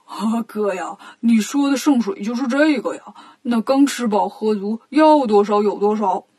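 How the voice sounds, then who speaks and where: A woman's voice: a little high, moderate pace, a little mellow, breathy edge, pitched below the performer's own voice. A woman voicing a greedy, fretful male pig disciple in a children's storybook, grumbling. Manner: worried grumbling.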